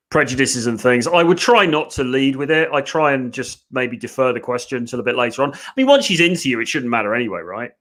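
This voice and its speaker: A man's voice: mid-range voice, pushed and bright. A man, hosting a casual podcast and talking through a listener's question with many hedges. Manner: chatty, hedging, answers listener questions. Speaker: dating coach host.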